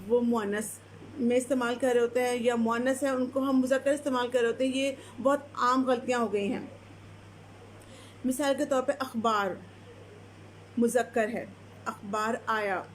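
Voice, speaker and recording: A woman with a slightly high voice leads a live online language lesson. She explains rules patiently, pauses with fillers, and answers viewers' comments as she goes. Faint background noise sits under the recording. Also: a little mellow. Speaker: Urdu language teacher.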